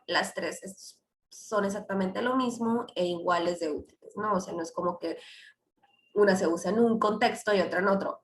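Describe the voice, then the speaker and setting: A woman's voice: mid-range voice, a bit bright, reverberant. A woman teaching English grammar in a class, explaining with many fillers and English examples.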